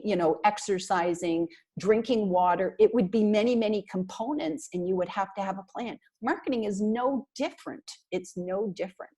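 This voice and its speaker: A chatty Canadian woman with a husky, mid-range voice is on a video call through an earphone headset. She's a marketing consultant guest in a casual interview, sitting in a small, bright indoor room. Animated and emphatic, she talks with her hands.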